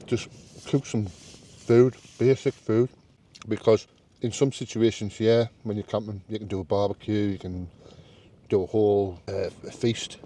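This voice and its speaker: A man's voice: fairly low pitch, dark tone, a little hiss or hum. A man with a Northern English accent chatting casually to camera as a solo camper, musing aloud in a down-to-earth, understated way. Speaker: solo camping vlogger. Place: inside a small tent outdoors.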